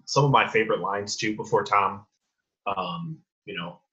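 A man's voice: fairly low pitch, sing-song, normal speed, creaky, sharp tone, lo-fi sound. A young man co-hosting a podcast, rambling loosely as he explains favorite lines from a movie. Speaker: podcast co-host. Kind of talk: casual movie discussion.

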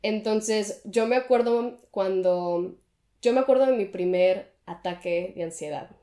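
A woman's voice: medium pitch, measured pace, mellow. A young woman, a podcast co-host telling a candid personal story in casual chat and mixing in English words. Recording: echoey room.

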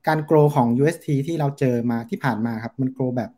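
A man, an engineer, giving a measured technical explanation in a talk show discussion. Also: mid-range voice, mellow. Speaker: smart contract engineer, guest.

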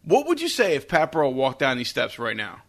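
A man's voice: mid-range voice, wildly swooping pitch, brisk. A man hosting casual sports banter in a home basement, needling his co-hosts with joking questions. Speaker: sports talk host.

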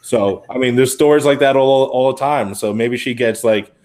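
A man's voice: medium pitch, moderate pace, a little mellow. A man co-hosting a podcast, chatting casually and rambling with heavy use of "like". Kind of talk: casual chat about a TV series.

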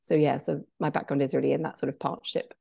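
A woman in her thirties with a low voice and a gravelly edge to it. She speaks chattily as an interview guest and pauses often on ums. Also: flat delivery, warm tone. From England. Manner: chatty, hesitant with many fillers. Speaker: guest, business co-founder. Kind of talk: conversational interview.

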